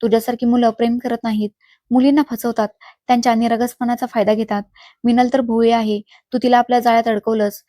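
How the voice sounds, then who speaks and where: A woman's voice: on the high side, level tone, fast, warm tone, no echo, clean studio sound, natural voice. A woman voicing a cruel, scornful middle-aged stepmother who speaks in harsh insults.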